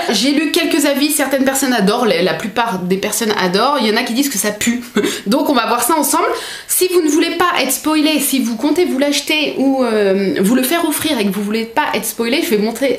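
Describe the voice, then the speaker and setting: Chatty excitable young woman vlogger. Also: fairly high pitch, brisk. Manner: chatty, excitable, many fillers. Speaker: book vlogger. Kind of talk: casual unboxing chat. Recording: echoey room.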